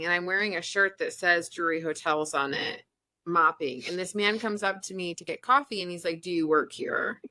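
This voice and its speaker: A thirtysomething woman co-hosting a podcast tells a long story in casual chat, animatedly acting out the quotes of the people in it. Her voice is fairly low, and the studio-quality recording has no room sound.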